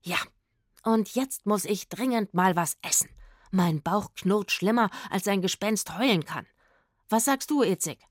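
A woman's voice: medium pitch, expressive, measured pace, dry recording, studio quality. A woman doing a cheeky, whiny young vagabond man. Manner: loud, whiny and theatrical. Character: cheeky, grumpy, always-hungry young male vagabond trombonist.

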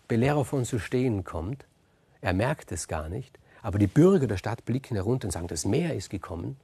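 A man retells an old myth as a storyteller, casual and lively, with chatty asides. His voice is dark and husky with a gravelly grain, recorded very dry and close. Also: medium pitch, no echo. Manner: lively, conversational, fond of asides. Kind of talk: free oral retelling of a myth.

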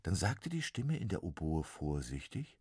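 Guy reading a kids story, slow and really expressive, kinda husky. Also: sits low, no echo, studio quality. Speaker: narrator.

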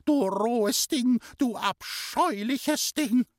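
A man reading an audiobook, voicing a quarrelsome elderly aunt who shrieks with drawn-out indignation. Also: very high voice, no room sound, clean studio sound, voice pushed up, exaggerated voice. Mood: indignant shrieking.

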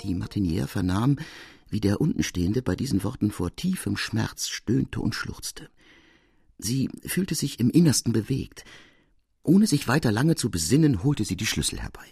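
A man narrating a classic tale as an audiobook, in an expressive, dramatic reading. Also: on the low side, moderate pace, gravelly, breathy edge, no echo, studio quality.

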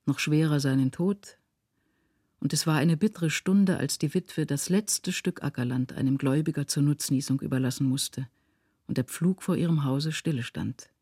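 A woman reading a classic novella aloud in a measured, earnest storytelling style, recorded in a studio. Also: sits low, warm tone, slightly rough, no room sound. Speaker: reader of a literary audiobook. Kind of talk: scripted narration of a classic novella.

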